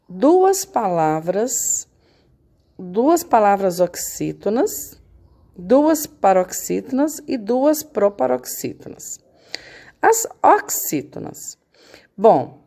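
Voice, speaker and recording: A woman's voice: mid-range voice, warm tone. A woman teacher going over homework in a recorded lesson, patient and checking in with her students often.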